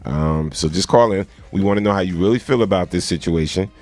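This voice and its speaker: A man's voice: low voice, brisk, darkish tone. A man hosting a casual morning radio call-in show with a radio DJ delivery.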